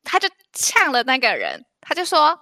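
A young woman with a bright, high, lively voice chats casually and swaps work anecdotes. She sounds dry and close to the mic. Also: no room sound. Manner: chatty, quick reactions and laughing anecdotes. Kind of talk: casual chat.

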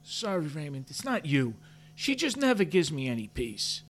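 A man's voice: on the high side, very animated, normal speed, a little hiss or hum. An actor playing a gossipy, defensive middle-aged office man who hedges his answers and drops his voice for asides. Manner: hedging, self-justifying, drops voice for asides.

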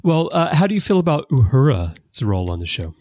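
A man hosting a casual podcast conversation, explaining background at length with lively emphasis. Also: a little high, a little fast, no echo, clean studio sound. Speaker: podcast host. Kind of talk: casual conversation about a TV series. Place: lives in Japan.

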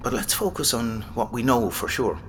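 A man plays the abbey's enthusiastic librarian and manuscript expert in an audio drama, guiding listeners with eager, scholarly explanations. His mid-range voice has lively intonation at normal speed and stays close to everyday speech, with slight background noise.

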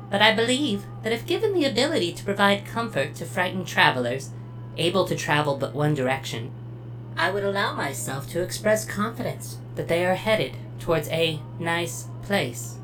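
A woman playing a polite, logical computer cash register in an audio drama, speaking formally and precisely. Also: medium pitch. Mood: measured, reassuring. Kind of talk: scripted audio drama acting. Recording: clearly audible humming noise.

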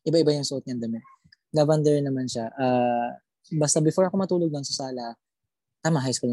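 A young adult recounting a ghost story in easygoing chat, with a mellow, husky tone. The delivery halts and circles back on words, and quoted lines drop to a hush. Dry, close sound. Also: mid-range voice, no echo. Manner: halting, repeats words while recalling details. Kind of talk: casual spoken ghost story.

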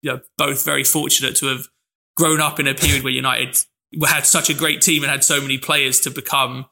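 A man's voice: medium pitch, little pitch movement, a little fast, gravelly, pushed and bright. A man, reminiscing easygoingly as a podcast co-host. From London, England. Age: 20s. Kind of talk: casual chat.

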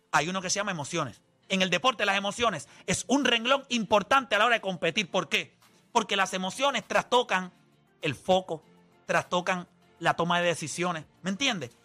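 Bright high-voiced man arguing his point. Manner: argumentative, explains with examples. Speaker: sports talk show host. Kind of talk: radio sports talk chat.

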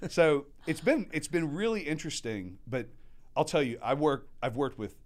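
A fairly high-pitched male guest talks at a moderate pace. In his thirties, born in Mexico and brought up by American parents, this restaurant manager is an animated storyteller who acts out quotes during a casual chat about his restaurant work.

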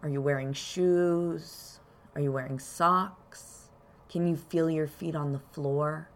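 A woman podcast host leading a calm grounding exercise, softly and gently prompting the listener with unhurried pauses. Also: deep voice. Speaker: podcast host and card reader.

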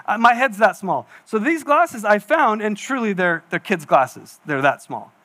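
High, bright-voiced pastor in his forties. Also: expressive, measured pace. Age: 40s. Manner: chatty, self-mocking storytelling with acted-out asides. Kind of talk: sermon. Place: church hall.

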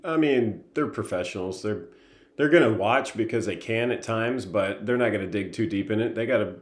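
A man, a former player, giving his view in casual sports chat in a relaxed, easygoing way. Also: on the low side, normal speed. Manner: relaxed, easygoing, laughs lightly. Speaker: former player, podcast co-host. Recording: echoey room.

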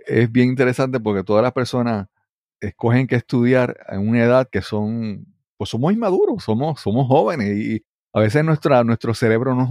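A man's voice: medium pitch, a little mellow, no echo, studio quality. A man hosting a podcast, asking long, rambling questions with restarts. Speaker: podcast host. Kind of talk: conversational interview.

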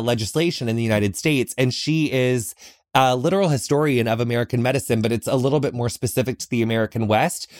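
A man's voice: mid-range voice, a little mellow, dry recording, clean studio sound. A man hosting a podcast in a chatty, effusive, campy and slangy way, recording in a small closet lined with clothes. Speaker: podcast host. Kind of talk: casual, chatty monologue answering listener questions. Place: small carpeted closet full of clothes, sound absorbed.

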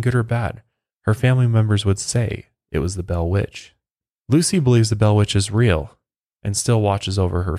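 Guy with a lowish voice telling a ghost story, chatty asides, super dry close mic. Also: dark tone, no echo. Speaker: storyteller host. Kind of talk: casual spoken storytelling.

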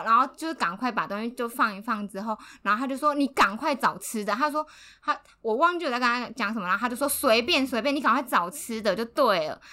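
Young woman, podcast co-host, casual storytelling, bright tone, a bit high, laughs a lot. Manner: animated, laughs often, acts out quotes.

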